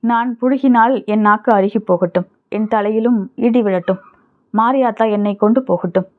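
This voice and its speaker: A woman's voice: a little high, normal speed, natural voice. A woman voicing a bashful young male village farmer who pleads defensively, on tinny phone-like audio. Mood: pleading.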